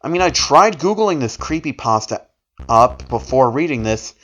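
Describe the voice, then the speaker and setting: A man with a mid-range, slightly bright voice reads horror fan fiction aloud at a normal pace, animated, emphatic and theatrical, and he sometimes stumbles over a word. He breaks up the dramatic reading with amused asides.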